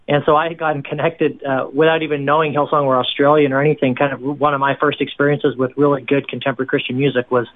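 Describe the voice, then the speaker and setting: A man from Canada, a worship pastor and songwriter, telling his story casually as an interview guest. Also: mid-range voice. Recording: phone-line sound.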